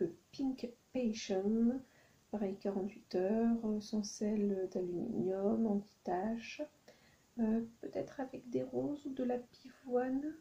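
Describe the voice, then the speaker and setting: Creaky-voiced woman in a casual haul vlog. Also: a little high, dark tone, lo-fi sound. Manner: hesitant, many ums, thinking aloud. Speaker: YouTuber doing a shopping haul. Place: at home at night.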